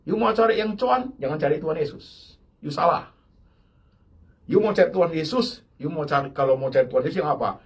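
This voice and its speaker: A man's voice: on the high side, a little fast. An older man preaching a sermon as pastor, with emphatic repeated phrases and bits of English mixed in. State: ill with kidney disease.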